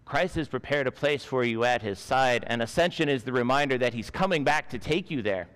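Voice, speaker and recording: A man in his forties delivers a school chapel sermon in an earnest storytelling manner, on a headset mic. His voice sits at an ordinary middle pitch. It rings out with the long reverb of a large chapel. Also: a little fast, fairly bright tone, clear, resonant tone. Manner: earnest storytelling, gesturing with both hands. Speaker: school chaplain preaching. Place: school chapel stage with a lectern.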